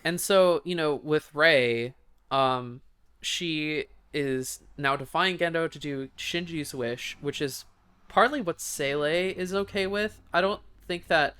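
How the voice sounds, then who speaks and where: A man's voice: a little high, slow, sharp tone, smooth. A man co-hosting a podcast, chatting casually about an anime film with many fillers and restarts. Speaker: podcast co-host.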